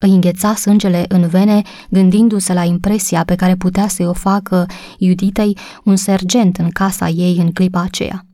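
A woman narrating a novel as an audiobook, in a steady storytelling manner. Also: lowish voice, few pauses, dry recording, clean studio sound.

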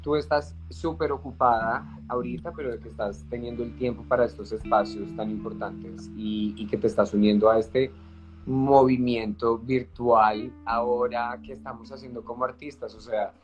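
Man, stream host, gushing and repetitive, average pitch, clear guitar music underneath. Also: steady tone, moderate pace. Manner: effusive, repeats words for emphasis. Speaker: host, professional ballet dancer. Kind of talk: live-stream conversation.

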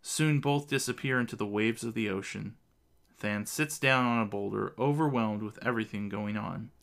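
Gravelly-voiced man narrating a story. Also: fairly low pitch, moderate pace, a bit bright. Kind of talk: audiobook fantasy narration.

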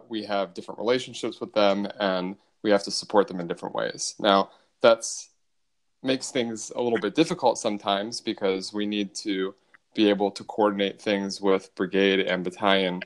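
A man's voice: on the low side, steady tone, moderate pace. A man as an interview guest, explaining things patiently with frequent uh fillers. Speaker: guest, army signal company commander. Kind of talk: casual interview answers.

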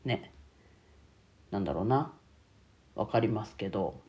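A man's voice: lowish voice, expressive, unhurried, mellow. Man with a stuffy, nasal voice. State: congested from a cold. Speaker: bookkeeping YouTuber and streamer. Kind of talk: casual solo talk to listeners.

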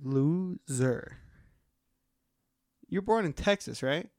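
A man with a Wisconsin accent co-hosts a casual podcast, teasing his partner and laughing easily. His voice sits a bit high for a man, recorded close and dry with no room sound. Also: animated, a little mellow, no echo. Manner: bantering, quick to laugh, teasing. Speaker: podcast co-host. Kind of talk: casual chat.

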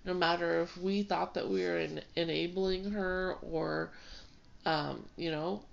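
A woman co-hosts a casual ministry talk as a pastor, her voice fairly low, gravelly and unhurried with fairly even intonation. She's stuffed up from a cold but stays chatty, laughing and using plenty of fillers. The recording sounds dull and lo-fi.

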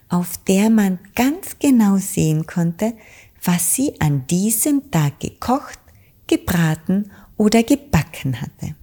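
A woman calmly narrating a children's story in a gentle, unhurried way. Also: mid-range voice, slight background noise. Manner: calm, slow, gentle narration.

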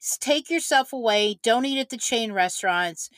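A woman co-hosting a casual chat, speaking in slow, deliberate, measured phrases. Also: fairly high pitch, animated, a bit bright, no echo. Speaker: podcast co-host.

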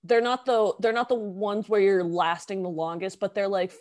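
A young adult woman co-hosting a podcast in casual, animated chat, swearing and laughing easily. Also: mid-range voice, moderate pace, no echo, clean studio sound. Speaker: podcast co-host.

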